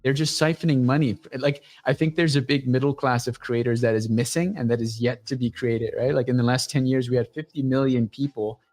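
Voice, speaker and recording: A man talking as a guest on a casual livestream show, pitching his startup in a blunt, profane, energetic way. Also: a little fast, hardly any pauses, soft background music.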